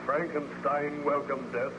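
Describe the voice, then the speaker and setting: An actor playing a stern, grave ship captain with a reluctant streak of pity, in formal, theatrical 1930s radio style. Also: male voice, on the high side, level tone, unhurried, lo-fi sound, lightly acted. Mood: stern, accusing. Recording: very noisy old-time radio recording.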